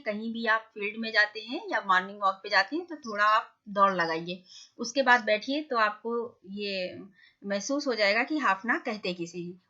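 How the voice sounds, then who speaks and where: A woman teacher reads a story to young pupils and keeps stopping to ask the class questions and explain. Her voice is bright and a little high. The recording is dull and lo-fi. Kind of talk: reading and explaining a school lesson to children.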